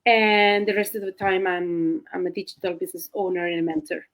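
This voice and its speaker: A woman's voice: lowish voice, fairly even intonation, fairly quick. Hesitant woman introducing herself. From Spain. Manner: hesitant, many ums. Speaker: panel guest. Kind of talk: casual self-introduction.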